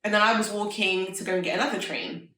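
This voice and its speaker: A woman in her thirties, a fashion entrepreneur, speaks as an interview guest in a mid-range voice with fairly even intonation. She talks quickly and casually in a sharp, upbeat tone, peppering her chatty speech with plenty of "like"s. The mic sits at a distance, and the room adds a roomy echo.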